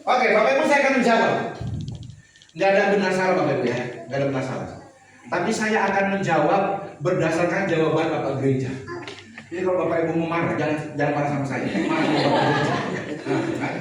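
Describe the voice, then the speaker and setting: High-voiced pastor preaching in an echoey hall. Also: male voice, quick pace, slight background noise. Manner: lively, joking, speaks to the congregation directly. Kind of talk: sermon. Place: church hall. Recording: echoey church hall from far off.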